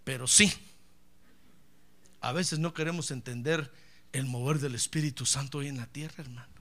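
A man preaching a lively sermon, joking with the congregation and breaking into shouted praise. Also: mid-range voice, normal speed. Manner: fervent, joking, bursts into shouted praise, keeps calling the listener brother.

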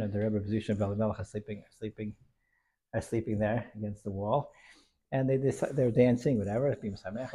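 Man, raspy and creaky, repetitive halting delivery, informal religious storytelling lesson. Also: medium pitch, dark tone. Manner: halting, repeats words as he goes. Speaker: religious teacher.

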